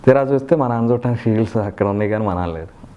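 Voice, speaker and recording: A young man who does mimicry chats rapid-fire in a relaxed interview, earnest and full of energy. Now and then he slips into loud, high impressions.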